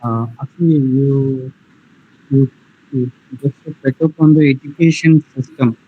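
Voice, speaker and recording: A man's voice: medium pitch, steady tone, unhurried. A man calling in to a webinar over breaking-up conference call audio, asking a question hesitantly and politely and repeating himself. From India. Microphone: remote call from a phone or computer. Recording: husky, tinny online call line.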